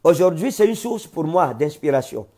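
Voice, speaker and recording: Solemn, husky-voiced preaching man. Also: on the high side, very animated, dark tone. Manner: slow, solemn preaching with repetitions. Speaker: pastor. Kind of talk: sermon testimony on a livestream.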